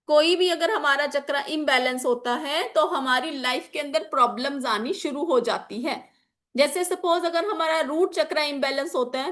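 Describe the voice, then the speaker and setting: An online teacher of chakras and magical oils, she talks in a high, fairly bright voice that shows a bit of a sore throat. The lesson is informal and illustrated with examples, explained point by point, with key phrases repeated and English terms sprinkled throughout.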